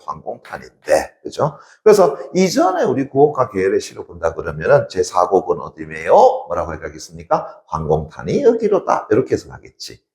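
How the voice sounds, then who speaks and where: Lively-voiced man teaching a lecture. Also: deep voice, reverberant. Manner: asks many rhetorical questions and answers them himself. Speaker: Korean literature teacher. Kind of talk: classroom lecture.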